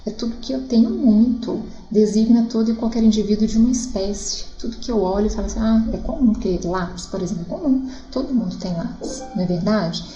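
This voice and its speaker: A woman's voice: mid-range voice, brisk, few pauses, mellow, echoey room, dull audio, soft background music. A Brazilian woman teacher explaining a grammar lesson, often checking in with her students as she goes. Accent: Brazilian Portuguese. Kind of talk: recorded classroom lesson.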